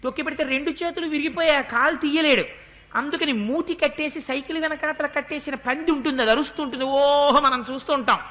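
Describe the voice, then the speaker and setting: Bright-voiced man telling scripture vividly. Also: very high voice, fast. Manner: vivid, dramatic retelling with repetition. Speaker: religious discourse speaker. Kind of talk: Ramayana storytelling discourse.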